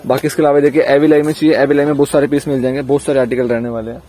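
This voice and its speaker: A man's voice: medium pitch, little pitch movement, racing, mellow, slight background noise. A young man vlogging in a crowded wholesale shop, eagerly showing products to his viewers and praising each one, filmed on a handheld phone. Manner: eager, repeats praise, addresses viewers as friends. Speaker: YouTube business vlogger. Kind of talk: enthusiastic product showcase vlog.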